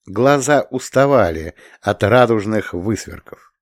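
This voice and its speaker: A man narrating a science-fiction audiobook in a measured, steady voice. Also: fairly low pitch, no echo, clean studio sound.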